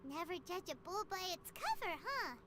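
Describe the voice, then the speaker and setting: Squeaky, very high-pitched tiny fairy. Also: female voice, sing-song, normal speed, very noisy. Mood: cheerful. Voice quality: squeaky, piercing. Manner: speaks of herself in third person, perky. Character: tiny childlike fairy companion, excitable and cheeky. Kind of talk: video game voice acting.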